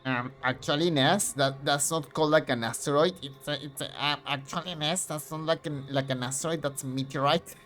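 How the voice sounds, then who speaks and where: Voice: mid-range voice, steady tone, brisk, hardly any pauses, a bit bright, faint music behind, lightly acted. A game streamer voicing a fussy, pedantic nerd who keeps correcting people. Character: pedantic nerdy boy, know-it-all.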